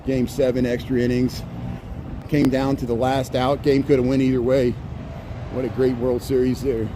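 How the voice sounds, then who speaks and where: On a handheld phone, a Midwestern livestream host from Indiana records a casual walk through a city street, rambling, chatting and laughing frequently. His mid-range voice comes across flat at a normal speed, over street traffic noise.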